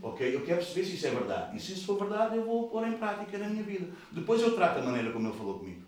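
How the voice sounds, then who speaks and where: A male pastor with a European Portuguese accent preaching a sermon, lively, swinging from loud bursts to soft asides. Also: high voice, very fast. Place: large church hall. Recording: very echoey hall, mic at a distance.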